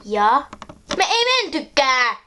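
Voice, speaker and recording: Woman voicing a sulky teen girl toy pet, snappish, highish voice, faint hiss. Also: expressive. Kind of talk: homemade toy video acting.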